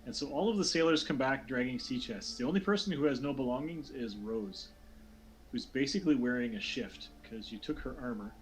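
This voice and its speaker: A man's voice: mid-range voice, a little fast, slight background noise. A man narrating a tabletop fantasy game as game master, talking loosely with many fillers and restarts.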